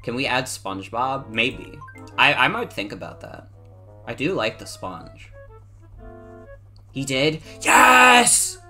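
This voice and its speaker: A mid-pitched, androgynous game streamer with lively, swooping delivery. The voice is bright and forceful, exclamatory and casual, talking to viewers with faint music behind. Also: measured pace. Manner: animated, exclamatory, casual swearing. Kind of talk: casual live-stream chat and game commentary.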